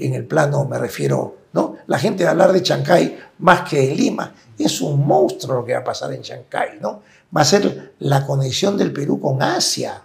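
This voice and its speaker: A man with a slightly high, gravelly voice is a guest in a conversational interview. He explains his points at length, often ending them with the check-in "¿no es cierto?"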